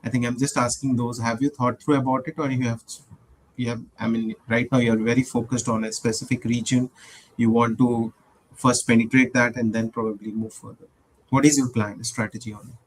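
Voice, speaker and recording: A man's voice: mid-range voice, flat delivery, brisk, poor audio. Rambling male panelist asking questions. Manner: rambling, repeats words, tags with "right?". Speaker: panelist judge. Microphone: video call.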